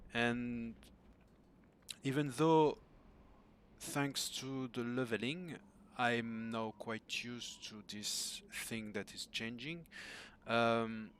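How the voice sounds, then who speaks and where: A man's voice: lowish voice, fairly bright tone, slight background noise. A man in his thirties with a French accent, talking casually to a coach, full of fillers and restarts. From France. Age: 30s. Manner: hesitant, many fillers and restarts, self-deprecating. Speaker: gamer asking for coaching. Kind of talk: casual recorded message to a coach.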